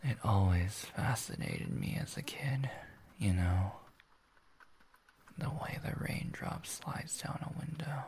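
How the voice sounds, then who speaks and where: A man playing a tender, soothing boyfriend in a whispered role-play, speaking softly, warmly and intimately, as if very close to his partner. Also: on the low side, animated, slow. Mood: dreamy, calming. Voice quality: soft, breathy whisper with creak.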